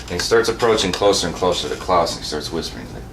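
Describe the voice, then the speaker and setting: Deep-voiced man game master. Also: quick pace. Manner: casual, rambling with fillers. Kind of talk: narrating a tabletop game. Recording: echoey room, mic far off, steady background noise.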